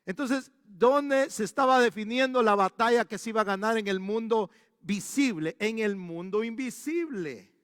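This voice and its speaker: A male pastor preaches in a high voice, telling stories and often restarting sentences. His voice is dry up close, while a long church-hall reverb trails behind each phrase. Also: moderate pace, clear, resonant tone. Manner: animated storytelling with frequent restarts. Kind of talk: storytelling sermon.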